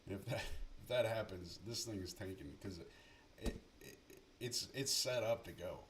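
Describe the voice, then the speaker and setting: A man with a low voice talks to himself and his viewers in a loose, profane running commentary while he trades. His tone is offhand and muttering. A faint hiss sits under the desk microphone. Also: lively intonation, normal speed. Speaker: livestream day trader. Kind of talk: live market commentary.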